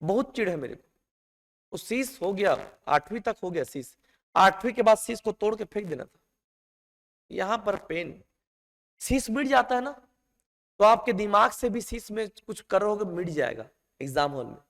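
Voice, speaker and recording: A man's voice: high voice, animated, moderate pace, long pauses, fairly bright tone. A man teaching a class in a classroom, stretching out the words he stresses and calling his students "beta". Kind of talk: classroom lecture. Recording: long hall reverb.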